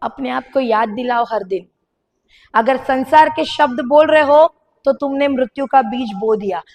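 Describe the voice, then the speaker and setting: High-voiced woman preaching slowly. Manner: fervent, urges the crowd with shouted commands. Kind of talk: sermon.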